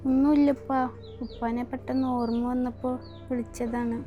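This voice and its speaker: Woman doing a sad daughter, flat high voice, clear music behind. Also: moderate pace, muffled recording, close to an everyday voice. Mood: sad, plaintive. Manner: subdued, plaintive. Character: sad young daughter hiding her tears. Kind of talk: home-made family drama acting. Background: background music.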